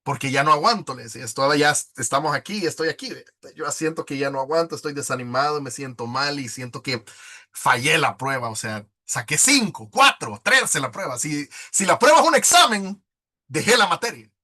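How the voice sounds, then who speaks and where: This middle-aged man shares his faith testimony at a prayer group, telling it emotionally and performing the dialogue of earlier conversations. He speaks at normal speed in a fairly high voice with big pitch swings and a sharp tone.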